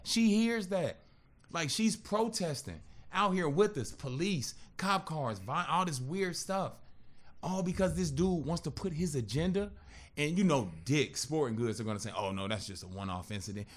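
A man in his thirties sits in as a podcast guest and tells his story in loose, casual talk. His voice sits a little high for a man, and he swears freely and jumps into the voices of the people in the story. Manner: animated, profane, acts out other people's lines.

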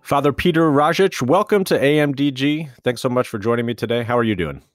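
A man's voice: medium pitch, fairly quick, dry recording, faint music behind. A man hosting a podcast interview, talking in a chatty, rambling way. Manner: chatty, rambling with self-restarts. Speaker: podcast host. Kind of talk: casual interview.

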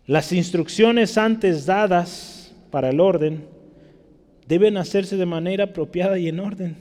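A man teaching a casual Bible class as a pastor, chatty and checking in with his listeners, stretching out key words slowly to stress them. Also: sits high, a little mellow. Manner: chatty, keeps checking in with the room. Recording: long reverb in a hall.

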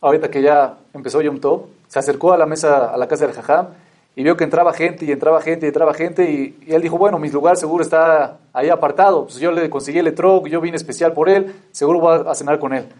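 A man's voice: fairly high pitch, fast. A man narrating a religious story, acting out the characters' dialogue with rising emphasis and frequent restarts. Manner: lively retelling, acts out dialogue with rising emphasis.

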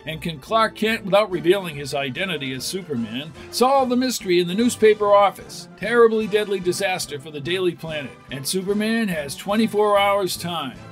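A man's voice: high-pitched, a little fast, few pauses, faint music behind. A man announcing a 1940s radio serial with dramatic, emphatic scripted narration. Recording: noisy vintage 1940s radio recording.

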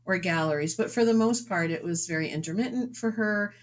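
A woman from the suburbs of New York City, a painter who trained as a doctor, answers interview questions thoughtfully as a guest in casual chat. Her lowish voice moves a little fast, and she hesitates often with ums and uhs. A slight hiss or hum sits under the recording.

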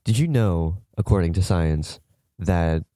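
A young man co-hosting a podcast in casual chat, animated and joking, laughing often. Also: low-pitched, unhurried, no room sound. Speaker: podcast co-host.

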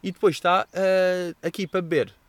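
A young man with a European Portuguese accent hosting a podcast, telling stories in a casual, slangy, animated way and acting out what others said. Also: high voice, moderate pace, no room sound. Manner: slangy and animated, acts out quoted dialogue with exaggerated voices. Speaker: podcast host answering listener questions. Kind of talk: casual storytelling chat.

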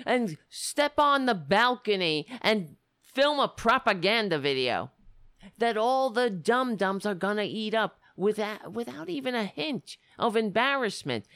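An American woman with a raspy voice hosting a casual livestream, talking in a blunt, emphatic way and repeating phrases. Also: fairly high pitch, a bit bright, no room sound, studio quality. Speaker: livestream show host. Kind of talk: casual livestream monologue with political commentary.

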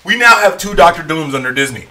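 A man's voice: a little high, expressive, fast talker, bright, forceful tone, far from the mic, rough recording. A man co-hosting a podcast, chatting casually and explaining his points at length with enthusiasm. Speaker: podcast co-host. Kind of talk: casual chat.

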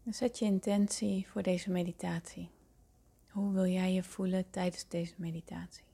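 A woman guiding a meditation slowly in a soft, hushed, breathy voice that nears a whisper. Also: on the low side, level tone. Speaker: podcast host guiding a meditation. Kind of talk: guided meditation.

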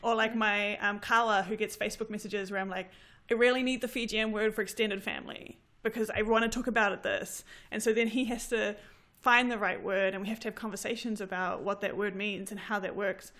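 A woman in her thirties, a graduate student with a New Zealand accent, talks briskly in a mid-range voice. She's chatting casually, storytelling with animation and frequent laughs.

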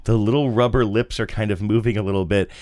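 A man's voice: fairly low pitch, steady tone, quick pace, darkish tone. A middle-aged man co-hosting a podcast, telling stories casually in a joking, incredulous way. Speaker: podcast co-host. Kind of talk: casual conversational storytelling.

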